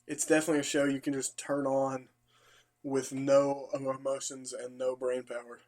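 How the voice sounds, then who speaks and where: Young male podcast co-host; laid-back, halting casual chat. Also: medium pitch. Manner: relaxed, halting, with frequent restarts.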